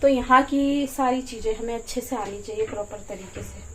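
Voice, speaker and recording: A woman's voice: on the high side, normal speed, noisy background. A middle-aged woman, chatting casually to camera in a home vlog while she explains things and does chores. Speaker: vlogger. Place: home kitchen and yard.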